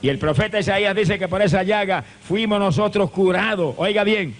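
A male evangelist preaching a fervent revival sermon, with impassioned repeated cadences and bursts of shouted praise. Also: sits high, a little fast. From Puerto Rico.

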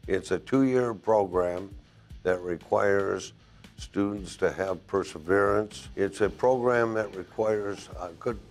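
Deep-voiced older instructor, measured delivery. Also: male voice, darkish tone, soft background music. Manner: measured, deliberate, listing points with pauses. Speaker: welding instructor. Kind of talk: interview answers to a program video. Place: classroom, indoors. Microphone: lapel mic.

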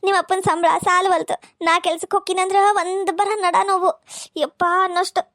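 A woman's voice: very high voice, flat delivery, a little fast, a bit bright, no echo, clean studio sound. A woman voicing a scheming, two-faced stepmother in a cartoon, with a North Karnataka accent, sweet to the children and snarling behind their backs. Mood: tearful. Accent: North Karnataka Kannada. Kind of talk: cartoon voice acting.

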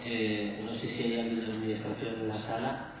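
Hoarse Spanish man, echoey noisy hall. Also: lowish voice, completely flat delivery, far from the mic. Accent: Spain. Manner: halting, hesitant delivery. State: hoarse, under the weather. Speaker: industry association panelist. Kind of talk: unscripted panel discussion. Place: conference stage, large indoor hall.

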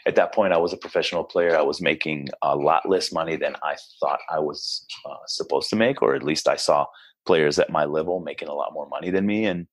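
Speaking briskly with an extremely low pitch, a basketball coach from Israel in his thirties chats earnestly on a podcast. It's a casual interview, and he keeps restarting thoughts and dropping fillers.

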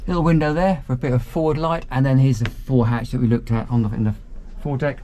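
An upbeat man talks his way through a boat on a point-of-view camera, chatty and thinking aloud as he moves. His voice sits at an ordinary middle pitch. Clear marina noise runs behind him. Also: steady tone, quick pace, mellow. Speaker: boat reviewer giving a walkthrough tour. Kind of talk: casual walkthrough vlog. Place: outdoors on a marina pontoon and inside a small motor boat cabin.

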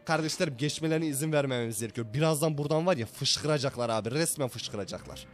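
A young man commentating his gameplay for viewers, animated and chatty, his voice hoarse from being sick. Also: medium pitch, quick pace, faint music behind. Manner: animated, talks to viewers as brothers. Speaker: gaming YouTuber.

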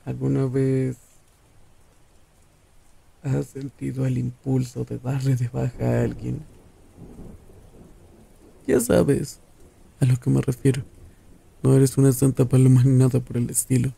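A man acts out a possessive young serial killer for an ASMR roleplay, taunting his lover with slow contempt. The voice is very dark and deeply gravelly, with a husky edge. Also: steady tone, exaggerated voice, low-quality recording. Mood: possessive, menacing. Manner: taunting, condescending, drawn-out.

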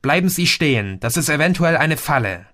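A man's voice: on the high side, big pitch swings, fairly quick, bright, forceful tone, voice pushed up. A man doing a commanding official man.

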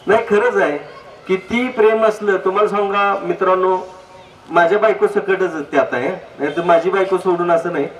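Male public speaker with a high voice, jokey and anecdotal, miked from a distance in an echoey hall. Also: fairly even intonation, normal speed. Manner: jokey, anecdotal, asks the audience direct questions. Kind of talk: humorous public talk. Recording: echoey hall, distant mic, faint noise.

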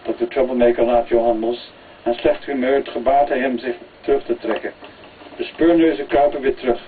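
A man's voice: medium pitch, steady tone, normal speed. Man reading a novel over a tinny line. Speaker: reader. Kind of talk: reading a crime novel aloud. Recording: tinny phone-like, distant, faint hiss.

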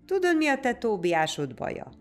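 Woman voices crafty old shepherd, knowing and teasing, gravelly. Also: extremely high pitch, wildly swooping pitch, fairly bright tone, soft background music, voice pushed up, exaggerated voice. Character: sly old male shepherd neighbor.

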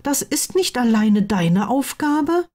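A woman's voice: a little high, slow, voice pushed up, full character voice. A woman voicing an earnest, insistent blond teenage wizard boy in an audiobook reading of fan fiction. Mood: urging. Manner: insistent, pleading, raised lively delivery.

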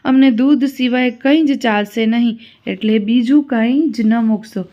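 Kindly motherly cobra goddess, read by a woman, gentle and reassuring, fairly high, muffled lo-fi sound. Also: a little slow, lightly acted. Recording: dull lo-fi recording.

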